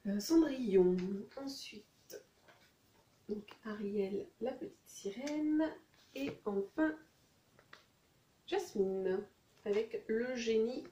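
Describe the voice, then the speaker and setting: A woman's voice: mid-range voice, warm tone, echoey room, far from the mic. A woman talking casually and hesitantly through a beauty haul, with many fillers. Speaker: beauty vlogger.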